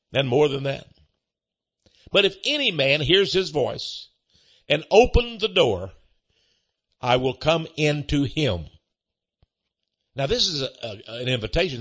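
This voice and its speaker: An older man preaching a sermon as pastor, earnest and slow, chuckling between points. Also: a little high, a bit bright, breathy edge. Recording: dull lo-fi recording.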